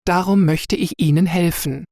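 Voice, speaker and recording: A woman voicing a kind, caring young woman in a read-aloud story for learners, gentle and calm. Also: fairly low pitch, normal speed, dry recording, studio quality.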